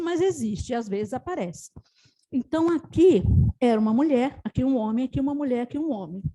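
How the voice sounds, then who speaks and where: A woman's voice: high voice, mellow, low-quality recording. A middle-aged woman facilitating a family constellation workshop, explaining and recounting a session as she quotes her client's words.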